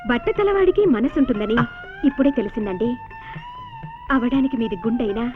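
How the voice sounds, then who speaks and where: A quick-tempered young wife, very high-pitched and talking fast with lively swings. The old film sound is muffled, with music behind her. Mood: contrite. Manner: scolding, rapid, dramatic.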